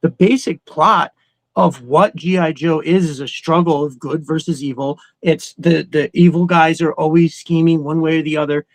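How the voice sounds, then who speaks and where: In a dry recording, a podcast co-host rambles through his views with plenty of swearing, casual and emphatic, during an opinionated fan chat. He speaks at a fairly high pitch with a steady tone and moderate pace.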